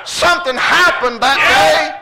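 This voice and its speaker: A man's voice: very high voice, unhurried, heavy background noise. A man preaching an impassioned revival sermon in a folksy Southern US drawl, exhorting his listeners with repeated phrases.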